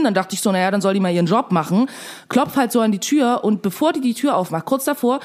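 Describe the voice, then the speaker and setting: A young woman talks quickly and casually, packing her speech with fillers as she tells a story to the camera. She still sounds shaken and upset, and her voice sits at a middle pitch. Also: a little mellow. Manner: fast, chatty, full of fillers.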